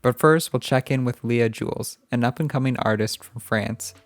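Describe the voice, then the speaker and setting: A man's voice: medium pitch, moderate pace, no echo. Canadian male podcast host, friendly interviewer, dry close sound, faint music. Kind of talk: relaxed interview chat.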